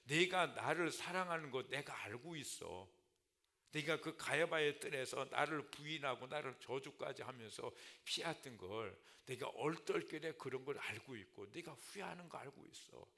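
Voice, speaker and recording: Man doing a soft, tender comforter, quiet and low, reassuring a sorry friend in a sermon. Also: lively intonation, moderate pace, vocal fry.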